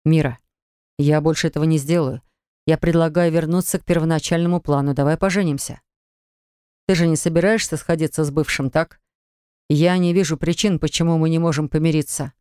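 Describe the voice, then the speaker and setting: A woman's voice: low voice, steady tone, fairly quick, mellow, clean tone, no echo, studio quality, close to an everyday voice. A woman reading an earnest young man pleading. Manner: earnest, coaxing.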